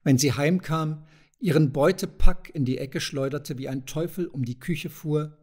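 A man reading a classic novella aloud in a measured, expressive storytelling manner. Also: on the high side. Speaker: audiobook narrator. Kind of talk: literary audiobook reading.

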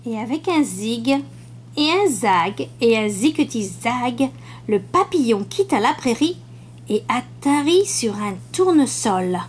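Slow high-voiced woman reading a picture book. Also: lively intonation, a little hiss or hum. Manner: slow, clear storytelling. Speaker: storybook reader. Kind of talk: children's read-aloud narration.

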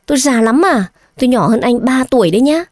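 Woman voicing an irritable young bride, snappish scolding tone, mellow dry voice, audio drama. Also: a little high, expressive, fast talker, no room sound, natural voice. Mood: irritated.

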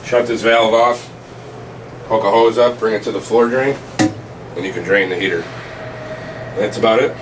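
A middle-aged plumber casually walks through the shut-off valves in a commercial building's indoor utility rooms, showing step by step how they work for a training demo. His lowish voice stays steady at a moderate pace, with frequent pauses, and he's plain-spoken throughout. A distant camera mic picks him up along with air conditioning noise.

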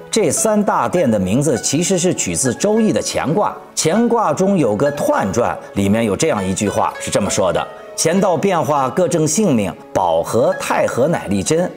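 A man narrates like a conversational presenter explaining things to viewers. His mid-pitched voice moves up and down in a lively way. Music plays underneath. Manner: conversational, explaining with rhetorical questions. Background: background music.

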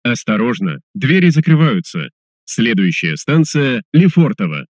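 A man's voice: mid-range voice, very animated, no echo. Dry, formal male subway announcer. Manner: formal, measured, clearly enunciated. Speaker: metro train announcer.

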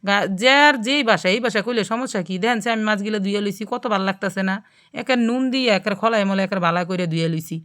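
A woman's voice: medium pitch, fast talker, fairly bright tone. A woman with a Gazipur regional Bengali accent hosting a cooking vlog, chatting straight to her viewers and often checking that they follow. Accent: Gazipur regional Bangladeshi Bengali. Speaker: cooking channel host. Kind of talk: casual cooking vlog narration.

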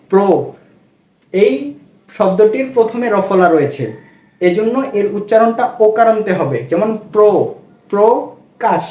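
A man with a high voice leads a classroom-style lesson, spelling words letter by letter and repeating them in a patient drill. He keeps asking rhetorical questions, and the room gives his voice a roomy echo. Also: darkish tone. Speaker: Bengali language teacher.

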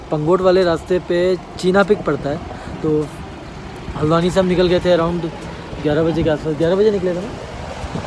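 A slightly high-voiced man in his twenties hosts a relaxed travel vlog as a motovlogger on a misty mountain trail, holding the camera out on a selfie stick. He speaks directly to his audience and quizzes his companions, while heavy wind and outdoor noise batter the camera's built-in mic.

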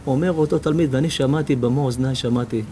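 A rabbi giving a sermon, telling stories with animated delivery and acting out the voices of others. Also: male voice, mid-range voice, slight background noise. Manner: animated storytelling, acts out voices.

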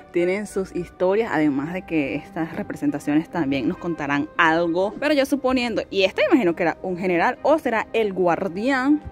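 A woman's voice: on the low side, a little mellow. A woman vlogging as she tours an outdoor cemetery, chatty and exclamatory, wondering aloud about what she sees. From Venezuela. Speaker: travel vlogger. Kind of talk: casual tour commentary.

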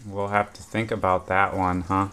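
Dad with a very deep voice, gently coaxing answers from his kids over breakfast, home camcorder sound. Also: flat delivery, moderate pace, smooth. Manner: gentle, encouraging questions to the children. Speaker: father talking with his children. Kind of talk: casual family chat. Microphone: home video camera on the table.

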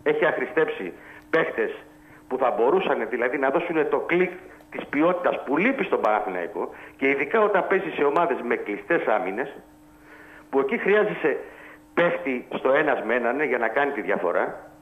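A man's voice: medium pitch, very animated. A man calling in to a radio show, talking football in a heated, emphatic and blunt way. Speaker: radio caller. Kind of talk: heated call-in football talk. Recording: tinny phone line.

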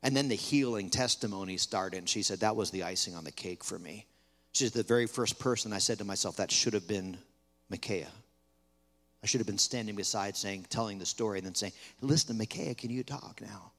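A man preaching at an evening camp gathering, telling a story in a conversational way, sometimes dropping to a hushed retelling and sometimes rising with energy. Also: on the low side, a little fast. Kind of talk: sermon with storytelling. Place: large hall at a camp gathering. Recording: long hall reverb.

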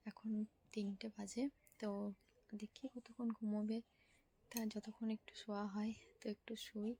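A young woman speaking softly and whispering in her vlog, hushed so she will not wake her sleeping child. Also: mid-range voice, a little hiss or hum. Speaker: vlogger.

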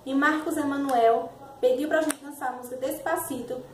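Young Brazilian woman, high voice, casual challenge-vlog host, recorded away from the mic. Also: fairly even intonation, a little fast. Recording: roomy, distant mic, faint noise.

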